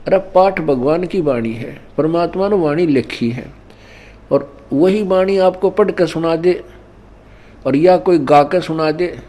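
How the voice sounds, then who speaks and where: With a fairly high pitch and a warm tone, a man preaches a Hindi sermon to an ashram gathering. The spiritual teacher's style is instructive, weaving scripture couplets and parables into his lessons.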